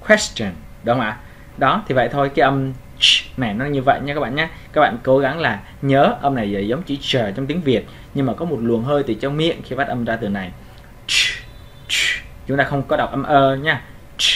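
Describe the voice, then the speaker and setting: A man's voice: medium pitch, fairly bright tone, a little hiss or hum. A man teaching English pronunciation in a patient, repetitive way, checking in with learners often. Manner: patient, repeats sounds, checks with "right?". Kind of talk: pronunciation lesson.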